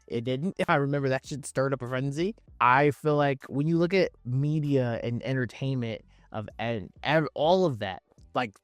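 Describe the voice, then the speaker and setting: A man's voice: fairly high pitch, no room sound, clean studio sound. Emphatic man hosting a countdown over music. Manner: emphatic, slangy and swearing, repeats phrases for stress. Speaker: video host ranking wrestling promos. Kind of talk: countdown commentary, casual opinionated talk.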